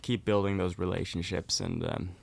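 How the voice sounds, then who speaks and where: A man's voice: sits low, flat delivery, normal speed, vocal fry. A young man from Norway, a folk musician, chatting casually as an interview guest and laughing easily.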